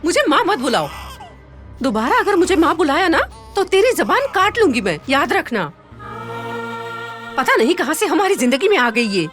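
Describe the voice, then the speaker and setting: A woman's voice: sits high, big pitch swings, moderate pace, pauses often, a bit bright, faint music behind. An actress playing a cruel stepmother who scolds harshly but dotes on her own son. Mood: furious. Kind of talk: Hindi TV serial acting.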